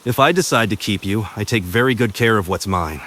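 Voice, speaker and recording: A man's voice: fairly low pitch, sharp tone. Man voicing Gojo Satoru, smug flirtatious professor. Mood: smug teasing.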